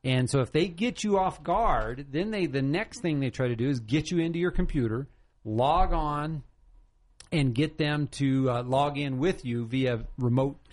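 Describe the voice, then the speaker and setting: A man's voice: mid-range voice, measured pace, a little mellow. A man hosting a tech talk show, chatting and explaining at length. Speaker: podcast host.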